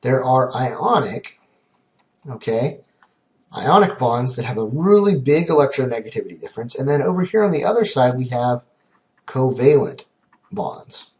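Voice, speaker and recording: "Okay?" comes up often as this man, voice in the middle range, gives a relaxed recorded chemistry lesson and counts aloud slowly.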